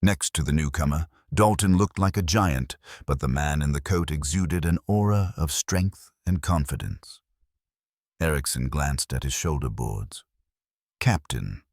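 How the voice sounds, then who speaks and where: Super low voiced guy narrating a dark fantasy audiobook, dry close sound. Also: measured pace, no room sound.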